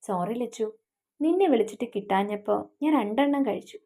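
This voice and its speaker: A woman's voice: on the high side, expressive, brisk, mellow. A woman voicing an earnest young man, engaged and devoted to his fiancée, who speaks in a pleading way.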